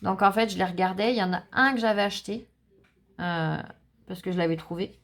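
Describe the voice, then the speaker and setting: A woman talking casually to her viewers, enthusiastic and gushing over every little craft item. Her voice sits at an ordinary pitch with a noticeable gravelly fry running through it. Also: fairly quick, fairly bright tone. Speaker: scrapbooking vlogger. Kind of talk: casual unboxing chat to viewers.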